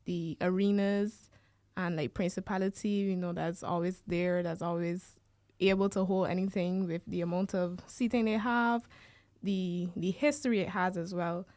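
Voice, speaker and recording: A young woman with a Barbadian accent in an informal student radio discussion, haltingly thinking aloud. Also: lowish voice, fairly even intonation, darkish tone, no echo. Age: young adult.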